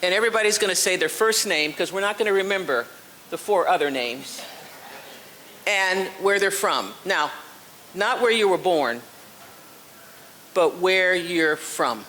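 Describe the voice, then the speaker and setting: High, lively-voiced man leading a room. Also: in a large hall, a little hiss or hum, low-quality recording. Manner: brisk, joking, giving instructions. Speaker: session facilitator. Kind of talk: running a room of introductions. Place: conference room.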